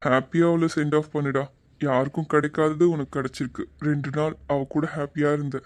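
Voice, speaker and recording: A man voicing a kind, calm middle-aged father in an animated web series, gentle and fatherly. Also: on the high side, brisk, no room sound, lightly acted.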